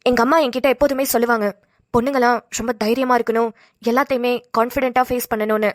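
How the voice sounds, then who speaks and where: A woman's voice: fairly high pitch, fairly even intonation, fast talker, dry recording, studio quality, natural voice. A woman voicing a bold, caring young woman in a cartoon, firm and encouraging. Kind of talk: cartoon voice acting.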